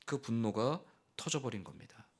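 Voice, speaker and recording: A male pastor preaching a dramatic sermon in a church, swinging between loud passages and near-whispers. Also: mid-range voice, animated, normal speed, slightly rough, faint music behind. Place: church sanctuary.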